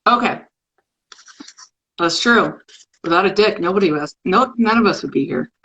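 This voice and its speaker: A woman's voice: mid-range voice, moderate pace, fairly bright tone, highs cut off, slight background noise. Playful woman hosting a live stream. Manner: chatty and playful, reading a fill-in word game aloud. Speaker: host of a live poetry show. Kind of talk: casual live-stream chat. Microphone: phone or webcam for a live stream.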